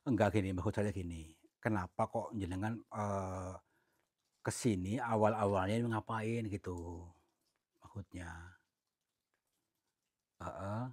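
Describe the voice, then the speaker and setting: A man exploring a cave, talking in a coaxing, soothing, often hushed way. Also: lowish voice, fairly even intonation, takes it slowly, pauses often, no echo, studio quality. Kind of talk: staged exploration vlog. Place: inside a cave.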